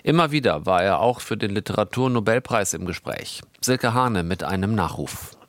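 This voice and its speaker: A man's voice: fairly low pitch, expressive, normal speed, no room sound, studio quality. A man presenting scripted radio news as the host of the programme.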